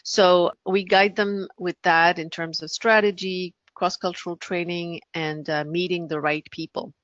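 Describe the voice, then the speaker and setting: A woman from France speaking as an interview guest, explaining things conversationally and thoughtfully, pausing to rephrase. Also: on the low side, fairly even intonation, fairly bright tone, no room sound, lo-fi sound. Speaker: podcast guest, business founder.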